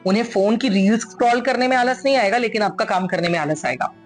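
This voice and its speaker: A woman's voice: on the high side, quick pace, faint music behind. A woman giving an earnest, coaxing motivational talk, mixing English phrases into her speech. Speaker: motivational speaker.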